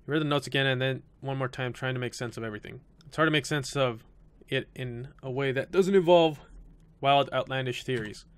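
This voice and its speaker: A man's voice: mid-range voice, a little fast, clean tone, no room sound. A man doing gameplay commentary on a horror game, reading the game text aloud and swearing and joking as he plays. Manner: swears and jokes at jump scares. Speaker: let's play gamer.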